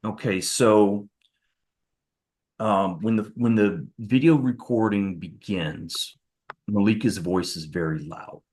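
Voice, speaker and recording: Very deep-voiced man testifying in court. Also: slow pace, a little mellow. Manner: careful, methodical step-by-step account. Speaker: witness on the stand.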